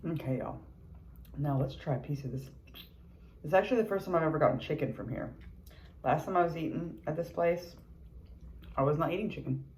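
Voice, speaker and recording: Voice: mid-range voice, brisk, long pauses, darkish tone, a little hiss or hum, rough recording. A mukbang vlogger in a casual eating video, chatting between bites with lots of chewing murmurs and candid, sweary remarks.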